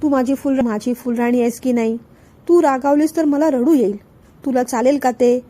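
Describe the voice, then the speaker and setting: Woman voicing a soft coaxing dad, warm low-key storybook read. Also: steady tone, normal speed. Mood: tender. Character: gentle doting young father.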